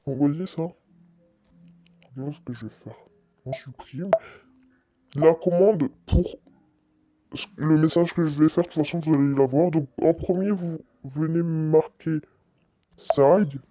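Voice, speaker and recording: Casual male host, slight stammer, higher voice, dry lo-fi home mic. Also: warm tone, no room sound. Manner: stammers a little, halting and chatty. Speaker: channel host. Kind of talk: casual screen-recording commentary.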